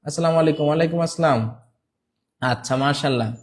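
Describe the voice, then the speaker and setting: A man's voice: a little high, fast talker. Man teaching a live online class. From Bangladesh. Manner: explains step by step, repeats words, spells letters out. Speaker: English teacher. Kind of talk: live online class, reading viewer comments.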